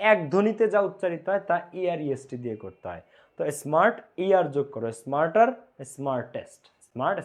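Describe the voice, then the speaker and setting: A man teaching English grammar in an online class, repeating words slowly and checking in with his students. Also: fairly high pitch.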